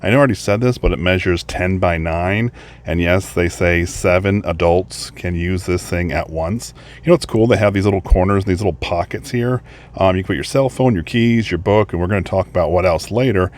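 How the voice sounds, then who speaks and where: A man's voice: sits low, a little fast. A man chatting casually and upbeatly as he reviews a product, partly outdoors at a beach. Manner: chatty, upbeat, thinking aloud.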